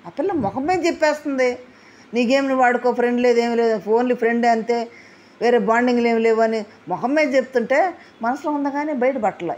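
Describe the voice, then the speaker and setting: A woman gives a casual, animated recap of a reality show. She acts out what people said and asks rhetorical questions. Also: fairly high pitch. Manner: animated retelling, acting out quotes, asking rhetorical questions. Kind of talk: casual spoken recap and commentary.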